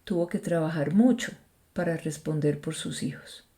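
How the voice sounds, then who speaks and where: Woman host, low dark tone, calm measured scripted narration. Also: husky. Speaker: podcast host.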